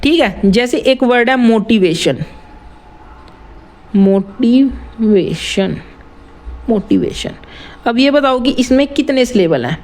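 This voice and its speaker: In a casual tutorial on writing rap, a man with a very high-pitched voice often says words slowly to break them into syllables. He mixes English terms into his Hindi.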